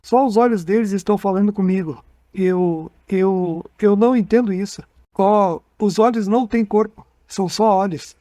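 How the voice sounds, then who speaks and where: A man's voice: high-pitched, mellow, no room sound, studio quality, natural voice. A man reading as a dazed hypnotized man. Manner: halting, repeating words. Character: frightened man reliving an abduction under hypnosis.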